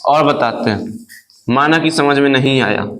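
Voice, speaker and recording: A man's voice: medium pitch, measured pace, a crowd in the background, low-quality recording. A male math teacher lecturing a class, asking the pupils questions again and again. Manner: quizzing the class with repeated questions.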